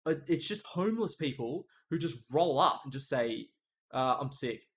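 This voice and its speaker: Man, young adult, streamer, gravelly, middle pitch, rambling casual storytelling. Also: lively intonation, normal speed. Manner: rambling, with frequent restarts and swearing.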